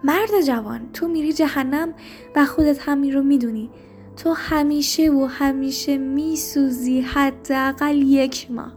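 Give me a woman playing a stern, pious old widow with a preachy, drawn-out delivery, in a read-aloud story. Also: high voice, a little mellow, faint music behind, lightly acted.

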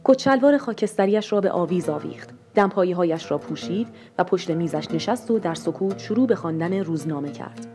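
A woman reads a short story aloud in a calm, even manner. Her voice sits fairly low. Soft music plays faintly underneath. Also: hardly any pauses. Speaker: story reader. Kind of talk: scripted story narration.

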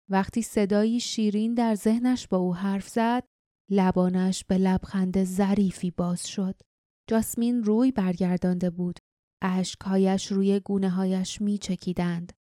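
A woman reading a fantasy audiobook in steady, measured narration. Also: mid-range voice, no room sound, studio quality.

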